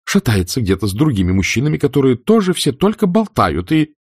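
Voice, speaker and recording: A man voicing a sharp-tongued, haughty young Southern lady, sarcastic and furious. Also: on the low side, a little fast, no room sound, clean studio sound, voice pushed up. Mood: indignant.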